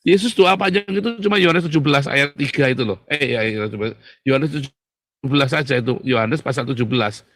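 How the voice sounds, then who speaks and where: A man preaching a casual sermon, chatty and joking, swinging between loud emphasis and hushed, calm words. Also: medium pitch, brisk, dry recording.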